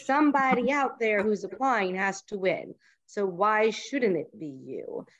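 A woman's voice: medium pitch, measured pace, no echo. A woman from New York with a Long Island accent, giving candid, self-deprecating and encouraging advice through personal anecdotes. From New York, United States. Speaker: panelist, past scholarship winner.

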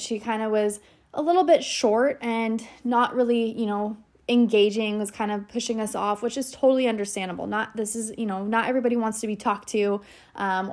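A woman with a somewhat high voice tells her viewers a story in a casual vlog. She talks in a chatty, quick way, full of fillers and asides, and speaks to the audience directly. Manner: chatty, fast, with many "like" and "you know" fillers. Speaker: salon worker.

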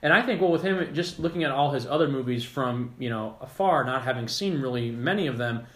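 A man's voice: medium pitch, lively intonation, fairly quick, fairly bright tone. A man co-hosting a casual podcast, talking in an enthusiastic, rambling, jokey way. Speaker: podcast co-host. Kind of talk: casual chat. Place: apartment room. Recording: echoey room.

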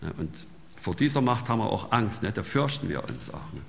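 Gravelly preacher man in a hall. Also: fairly low pitch, very animated, fairly quick. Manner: conversational, often tags sentences with "ne?". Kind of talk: sermon. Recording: long reverb in a large hall.

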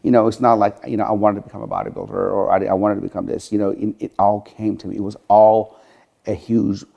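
A middle-aged man from Iran, a gym franchise owner, earnestly shares his life story as a podcast interview guest, saying "you know" often. His voice is on the low side and gravelly, with little pitch movement and a quick pace, and the recording's highs are cut off.

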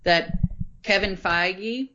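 A woman's voice: mid-range voice, drawn-out words, pushed and bright. A woman chatting casually as a podcast host. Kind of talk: casual chat. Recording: slightly dull, compressed audio.

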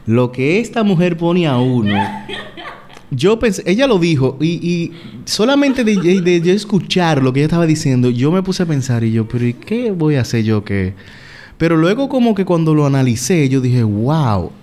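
A man's voice: fairly high pitch, moderate pace. A man earnestly telling a personal story in casual conversation, reflecting on his fears. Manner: earnest, self-reflective, animated retelling. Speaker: guest sharing a personal story.

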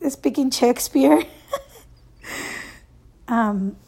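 Performing stand-up, this actress in her 30s from El Salvador speaks with a Salvadoran accent in her native Spanish, stopping and restarting and chuckling between lines. Her voice is fairly high and warm, with some vocal fry.

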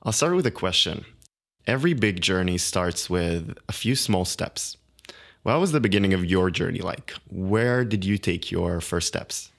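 A man hosting an interview podcast, introducing his guest and asking measured, deliberate questions. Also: low voice, animated, creaky. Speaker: podcast host.

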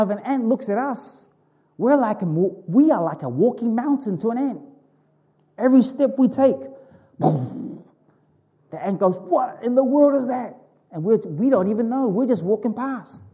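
A man's voice: high-pitched, dark tone. A man preaching a sermon to a congregation in an informal, conversational way, repeating phrases for emphasis.

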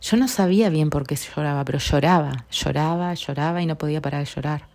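A woman's voice: low-pitched, brisk, darkish tone. A middle-aged woman with a Rioplatense Spanish accent, hosting a podcast in an earnest, reflective tone that often sinks to a near whisper. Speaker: podcast host. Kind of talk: reflective personal talk.

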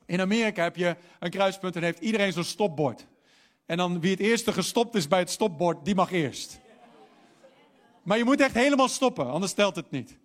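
A young man with a high voice delivers a sermon at normal speed, opening with a personal story before building to emphatic calls. He is animated throughout and slips English phrases into his speech.

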